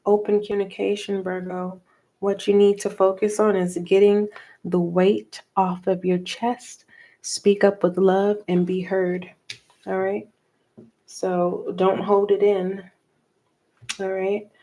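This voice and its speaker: A middle-aged woman giving a tarot reading for viewers, talking softly and slowly and pausing as she reads the cards aloud. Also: mid-range voice, level tone. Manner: slow, soft and meditative, reading cards aloud with pauses. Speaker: tarot reader.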